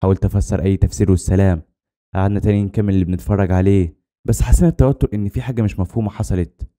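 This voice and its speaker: A man narrating a horror story in the first person, in a rapid, tense scripted telling. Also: sits low, fairly even intonation, dark tone.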